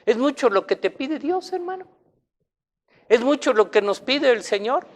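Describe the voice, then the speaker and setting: Mexican preacher, chatty and swinging loud-soft. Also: male voice, extremely high pitch, very animated, a little slow. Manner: conversational, keeps asking the congregation "¿verdad?", swings between loud and soft. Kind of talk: informal sermon with closing prayer.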